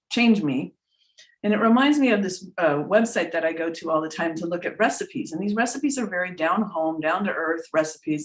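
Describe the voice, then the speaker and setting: A woman's voice: fairly low pitch, poor audio. A woman talking casually about spiritual matters as a teacher, earnest and rambling as she thinks aloud. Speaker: spiritual teacher and trance channeler, guest speaker. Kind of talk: casual spiritual talk with personal anecdotes.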